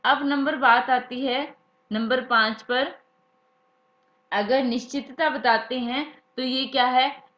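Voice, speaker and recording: A woman's voice: high voice, fairly even intonation, slow. A woman teaching a grammar lesson, who repeats key words and asks them back to her students as questions. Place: classroom or study room, writing examples. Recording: echoey room, dull lo-fi sound.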